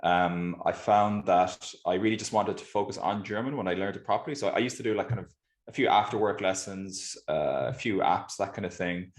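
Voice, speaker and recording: A man's voice: low voice, brisk. A man with a west of Ireland accent chatting casually and informally as an interview guest. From Galway, west of Ireland. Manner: informal, hedging with 'kind of'. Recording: roomy, echoey sound.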